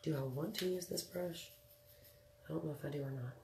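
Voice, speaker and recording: A woman in her thirties, nasal from a cold, hosts a casual makeup livestream from a small room at home, chatting with viewers, joking, and greeting them by name as she does her makeup. Her voice sits low and is gravelly and warm, and she talks briskly. There's slight background noise.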